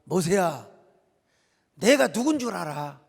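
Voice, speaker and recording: A Korean pastor voicing God speaking with relaxed, assured confidence. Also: male voice, high voice, moderate pace, vocal fry, exaggerated voice. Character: calm, self-assured all-powerful male God. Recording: echoey church hall.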